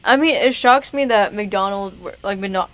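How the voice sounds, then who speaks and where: A woman co-hosting a podcast in casual chat, playful and quick to laugh, mostly chiming in with short reactions. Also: mid-range voice, a bit bright. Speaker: podcast co-host.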